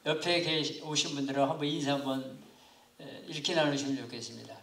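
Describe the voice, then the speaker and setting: A man in his seventies, a pastor teaching a missions class to lay ministry students, speaking in an unhurried, halting, politely formal way. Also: mid-range voice, steady tone, gravelly, fairly bright tone. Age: 70s. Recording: echoey room, far from mic.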